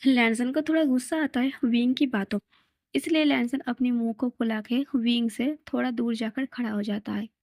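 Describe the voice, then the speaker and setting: Woman casually retelling a story, kinda high voice, no room sound. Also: fairly even intonation, moderate pace, a little mellow, no room sound. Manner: plain, conversational retelling.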